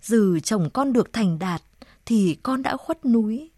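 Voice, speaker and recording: A woman's voice: on the high side, expressive, unhurried, warm tone, no room sound, clean studio sound. A woman voicing a sorrowful old grandmother, murmuring tenderly to her dead daughter in a storybook reading. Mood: grieving. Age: older.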